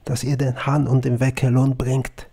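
Guy doing a cheery young farmhand, easygoing folksy talk, husky low voice. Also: level tone, moderate pace, mellow. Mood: cheerful.

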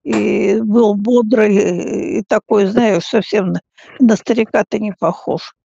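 A frail great-grandmother in her eighties chats casually over the phone. Her voice is heavily creaky and she speaks haltingly, stumbling and repeating words. The sound is dry and dull, like a recorded call. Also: medium pitch, steady tone, dark tone, dry recording. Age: 80s. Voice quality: frail, elderly voice. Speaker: great-grandmother talking with younger relative.

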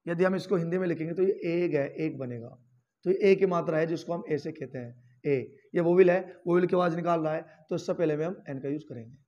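Man teaching in a slightly high voice. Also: fairly quick, dark tone, muffled recording. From India. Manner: spells words letter by letter, addresses viewers as friends. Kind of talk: classroom-style lesson.

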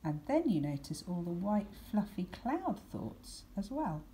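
A woman with a voice on the low side reads a storybook slowly and expressively, with slight background noise. She's a teacher reading a picture book aloud to children, deliberate in delivery, using dramatic emphasis and hushed words in scripted narration.

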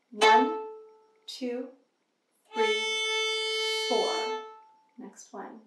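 A woman in her thirties teaching a violin lesson, patient and encouraging, counting beats aloud while she plays. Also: fairly high pitch. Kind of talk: instructional lesson. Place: room with a carved wooden screen, indoors. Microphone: far camera. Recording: roomy, distant mic with violin playing.

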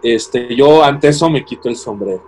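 A man's voice: medium pitch, normal speed, a little mellow, a little hiss or hum, poor audio. A young man with a Mexican accent in casual chat, thoughtful and hesitant, searching for words as he reviews a series. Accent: Mexican Spanish.

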